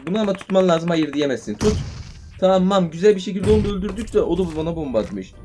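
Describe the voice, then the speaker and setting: A young man commentating his own mobile shooter game, shouting and swearing in fights, then calming himself down. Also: sits high, quick pace. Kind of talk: live gameplay commentary. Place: indoors at home playing on a tablet. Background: game gunfire and music.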